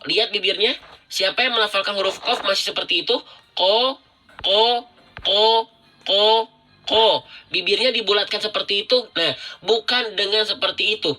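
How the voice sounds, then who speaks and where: Thanking viewers along the way, a man leads a live-streamed lesson on the rules of Quran recitation, patiently demonstrating and repeating letter sounds. His voice sits high, bright and forceful.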